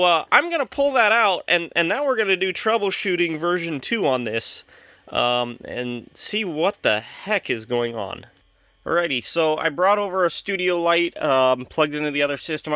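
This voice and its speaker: Bright-voiced man explaining repairs. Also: medium pitch. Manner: shaken and excited at first, then calm explaining. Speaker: electronics repair video host. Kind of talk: casual hands-on demonstration. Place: indoor workshop studio.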